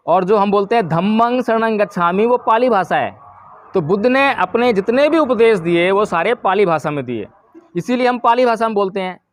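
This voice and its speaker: Male Buddhist teacher, high voice, dry close sound; explains step by step and quizzes the audience. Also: dry recording. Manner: explanatory, asks the audience questions. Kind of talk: Dharma talk to a group.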